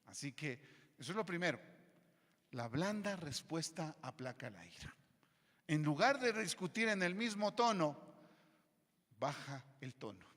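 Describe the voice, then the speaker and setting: A male pastor preaching a sermon, switching between loud emphatic lines and quiet low asides. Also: big pitch swings, measured pace, pauses often. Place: church hall. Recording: long church hall reverb.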